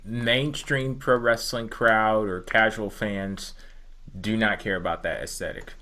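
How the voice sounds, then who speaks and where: A man hosting a call-in talk show, calmly steering the callers with dry remarks. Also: on the low side, a little slow. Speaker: host.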